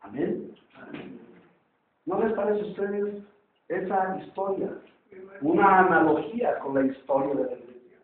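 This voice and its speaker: Male preacher, storytelling sermon, very high voice, heavy church echo. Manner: story told to a congregation, drawn-out emphatic phrases. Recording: echoey church, far off, tinny.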